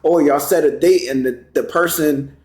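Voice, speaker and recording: A man co-hosting a podcast, telling stories in a relaxed, conversational way. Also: fairly high pitch. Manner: relaxed, conversational, drawn-out storytelling. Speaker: podcast co-host. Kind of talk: casual chat. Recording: roomy echo.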